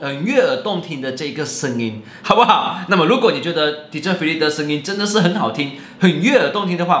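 A man, teaching a playful video lesson in an animated, jokey way and mixing in English and Malay words. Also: a little high. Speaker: language teacher. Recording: roomy echo.

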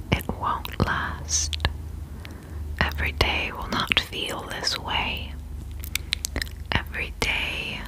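A woman in her twenties whispering soothing ASMR affirmations as a pep talk, breathy and close to the mic, repeating short reassurances. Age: 20s. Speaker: ASMR host. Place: indoor room at home.

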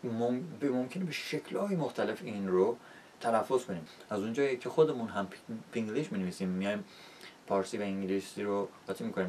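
A man's voice: fairly low pitch, a little mellow, recorded from a distance, a little hiss or hum. A man teaching an English lesson in a casual, explanatory way, often checking in with rhetorical questions.

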